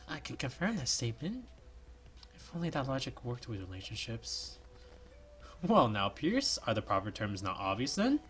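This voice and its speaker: A man's voice: medium pitch, moderate pace, long pauses. A man hosting a reaction video, reading a fan game aloud and voicing each character, with a sore throat. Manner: animated, switching voices for each character.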